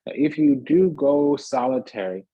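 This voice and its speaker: A man with a dark, mellow, husky voice gives a casual, rambling tarot reading. He strings ideas together in long lists and drops the odd blunt curse. The sound is dry and a little muffled, like a simple home setup. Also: medium pitch, expressive, measured pace, dry recording. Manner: rambling, repeats phrases in lists, asks "does that make sense?". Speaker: tarot reader.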